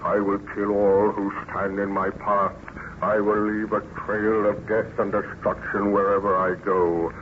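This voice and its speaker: A man's voice: lowish voice, little pitch movement, unhurried, close to an everyday voice. A man playing a lonely, bitter, menacing monster in an old-time radio horror drama, with solemn, declamatory delivery. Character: lonely, bitter, menacing male monster who learned to speak. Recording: muffled, noisy vintage radio recording.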